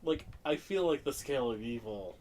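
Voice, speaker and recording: A man's voice: mid-range voice, animated, moderate pace, darkish tone. A man with the hiccups chatting playfully as co-host while playing a horror game. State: has the hiccups. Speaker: co-host of a horror gaming show.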